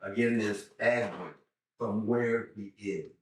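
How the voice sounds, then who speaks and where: An older man, a seminary professor, slowly reading and explaining scripture to a class. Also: lowish voice. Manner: slow, deliberate, pauses to explain Greek words. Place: church hall. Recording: roomy church hall, mic far off.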